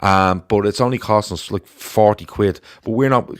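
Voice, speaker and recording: A low-pitched man with a Dublin accent hosts a casual sports panel. His delivery is conversational and wandering. The sound is dry, with very little room on it. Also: moderate pace, smooth, no room sound. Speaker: football show host.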